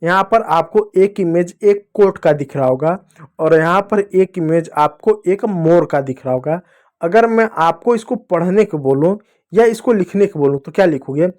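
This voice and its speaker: A man teaching children to read Hindi, asking the class questions and slowly drilling each letter sound. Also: high voice, expressive, a little mellow. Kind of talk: children's Hindi reading lesson.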